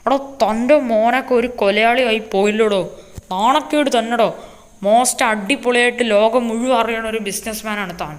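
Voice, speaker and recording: A woman voicing a stern, scornful male police officer in a game story, talking loudly and scolding. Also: a little high, moderate pace, close to an everyday voice. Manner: loud, scolding.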